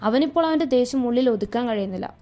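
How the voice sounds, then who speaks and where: A woman narrating a movie recap in a brisk storytelling manner. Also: a little high, expressive, mellow. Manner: brisk, storytelling, plain delivery.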